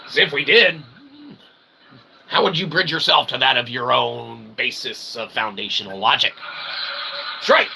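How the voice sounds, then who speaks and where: Unhurried and prone to long pauses, this mid-range male voice belongs to a solo streamer and channel host. His monologue rambles comically through pseudo-philosophy, pairing wordy mock-formal phrasing with crude swearing and brief tag questions, over clearly noisy ambient background sound.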